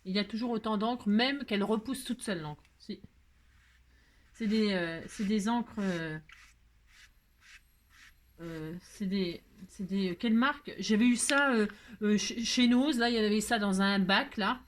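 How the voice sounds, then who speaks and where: A woman's voice: mid-range voice, measured pace. Chatty woman crafting over a noisy table. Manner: chatty, answers herself with "si", makes playful sound effects; gets annoyed by mistakes, then laughs it off. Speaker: crafting video host. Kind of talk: casual tutorial chat. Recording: noisy home recording.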